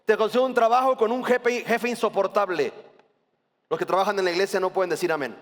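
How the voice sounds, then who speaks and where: Brief: Mexican male pastor, emphatic colloquial sermon, high voice, echoing church hall. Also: fast. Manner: passionate, emphatic, colloquial preaching.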